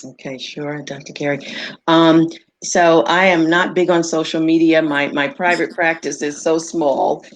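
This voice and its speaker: A woman's voice: deep voice, fairly even intonation, measured pace. A woman psychologist speaking as a panel guest over a video call, in a practical, matter-of-fact way. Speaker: psychologist and therapist. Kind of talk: casual panel talk on a live webinar.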